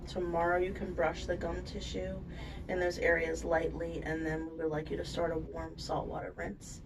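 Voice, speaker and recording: A woman's voice: lowish voice, flat delivery, moderate pace. A woman on dental surgery staff informally going over aftercare instructions step by step, often checking in as she explains. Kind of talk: informal spoken patient instructions. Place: indoors at a clinic. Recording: distant microphone, faint room noise.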